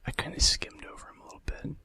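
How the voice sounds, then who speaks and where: This male ASMR host whispers quickly yet gently and breathily right up against the microphone, reading off facts with casual, hesitant side comments, and there's no echo.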